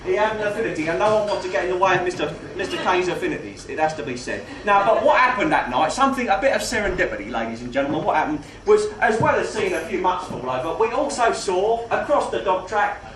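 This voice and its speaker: A man playing a mock-genteel, faintly menacing gangster compère, delivering comic stage patter with grand words and drawn-out emphasis. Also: sits high, lively intonation, a crowd in the background. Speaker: burlesque show compère in comedy double act. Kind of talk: live comedy patter addressed to audience. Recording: roomy live venue, distant mic, faint noise.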